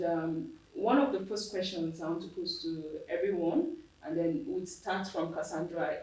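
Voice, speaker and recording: A young woman from Nigeria leads a casual roundtable in a slightly low voice and speaks easily, with small fillers. She is heard from a distance in a very echoey room. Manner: relaxed, conversational, with fillers. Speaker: roundtable moderator. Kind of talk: casual panel discussion. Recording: roomy, distant, faint background noise.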